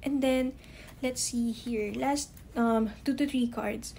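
A woman with a fairly high voice gives a relaxed tarot reading to her viewers. She talks in a halting way, stacking up fillers and often starting sentences over. It comes across as easy, unscripted chat. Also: creaky, slight background noise. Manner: halting, heavy use of "you know" and "um" fillers; admits to stuttering, restarts sentences. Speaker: tarot reader. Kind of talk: casual tarot card reading to camera.

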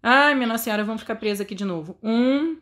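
A woman with a Brazilian Portuguese accent giving excitable let's-play commentary, full of dramatic exclamations and asides to her viewers. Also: on the high side, quick pace, a little hiss or hum. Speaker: gaming video creator.

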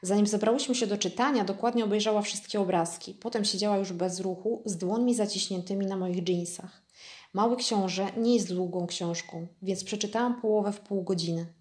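A woman reads a book aloud for her viewers at a calm, measured pace. Her voice sits at a middle pitch. The recording has a roomy echo. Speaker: vlogger reading a book aloud. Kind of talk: book reading for an audience. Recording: echoey room.

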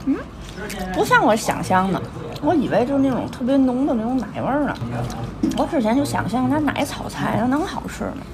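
A woman with a Tianjin accent eats in a small, busy indoor restaurant, chatting casually as a food vlogger and remarking on every bite. Her voice is high, expressive and brisk, with music in the background and the clatter and noise of the restaurant around her.

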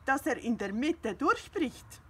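A woman voicing a grumpy, jealous little male cat who talks in a sulky, whiny, loud way, reading a storybook aloud. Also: sits high, very animated, slow pace, husky, voice pushed up, heavily acted.

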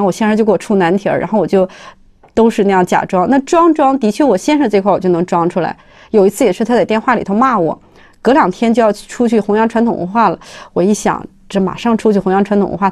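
A middle-aged woman who heads a company gives a personal testimony talk about her studies. She tells it as lively stories and acts out the dialogue. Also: mid-range voice. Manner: lively storytelling, acting out dialogue. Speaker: company head sharing study experience.

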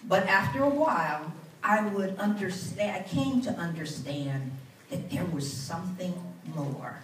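A woman's voice: mid-range voice, slight background noise. Older woman testifying from a church pulpit. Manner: earnest, building to fervent bursts. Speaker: church minister. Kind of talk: testimony speech. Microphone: handheld mic, far camera. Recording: roomy church sound from far off.

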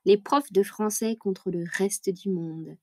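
A woman's voice: mid-range voice, takes it slowly, no room sound. A woman who teaches French, chatting in a casual vlog, tired at the end of her day, self-mocking, with many fillers and laughs. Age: adult career changer.

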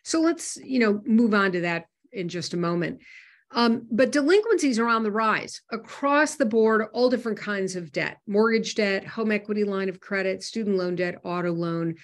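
A woman's voice: mid-range voice, animated, moderate pace. A woman talks through a money webinar in a mid-range voice. Her delivery is loose and conversational, full of "um" and "you know" and small restarts. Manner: conversational with frequent fillers and restarts. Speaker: host. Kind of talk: webinar talk on personal finance.

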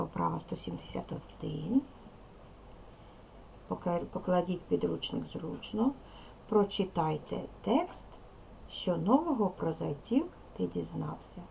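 Woman, primary school teacher, heavy vocal fry, slow instructive delivery, repeats words for kids. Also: lowish voice, expressive, warm tone, a little hiss or hum. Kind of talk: teaching a second-grade language lesson.

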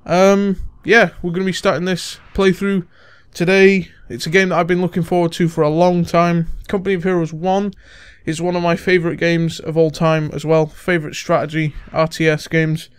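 A man's voice: fairly high pitch, little pitch movement, moderate pace, hardly any pauses, clear, resonant tone, no room sound. A young man hosting a casual let's play, talking in a chatty way with plenty of fillers. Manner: chatty, filler-heavy, self-deprecating. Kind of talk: casual gaming commentary.

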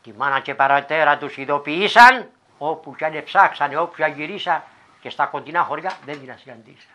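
Μια γυναίκα από τη Ρόδο με ροδίτικη προφορά αφηγείται παραδοσιακό παραμύθι με ομοιοκαταληξίες και δραματικές εναλλαγές έντασης. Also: female voice, low-pitched, a bit bright, dull audio. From Laerma, Rhodes. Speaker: folk storyteller. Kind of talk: traditional folk tale telling.

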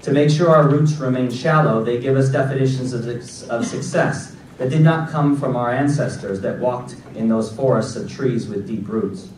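A man in his forties from Los Angeles giving a graduation keynote speech at a podium, with a measured, deliberate delivery from a prepared text. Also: medium pitch, fairly even intonation, darkish tone, a little hiss or hum. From Los Angeles, United States. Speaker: keynote speaker. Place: large auditorium stage at a podium. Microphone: podium mic, recorded by a far audience camera. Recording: echoey hall recorded from far back.

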